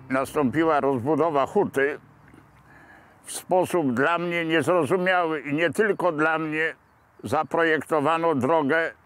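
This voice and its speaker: A man in his seventies from Poland, recounting local history to camera outdoors in a park in a measured, pausing manner. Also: fairly high pitch, fairly bright tone. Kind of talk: unscripted reminiscence to camera.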